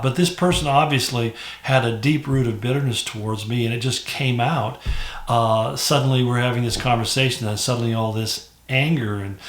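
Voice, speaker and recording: A man's voice: medium pitch, echoey room. A man, a pastor, giving a conversational morning devotional, with fillers and restarts. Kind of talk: devotional teaching.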